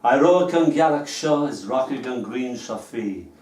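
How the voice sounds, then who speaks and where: Here a man from Ireland speaks in a mid-range, expressive voice, a touch slow and mellow. He is a poet reading live at a small performance venue, filling the gaps between poems with wry, conversational anecdotes, captured from afar in a reverberant room.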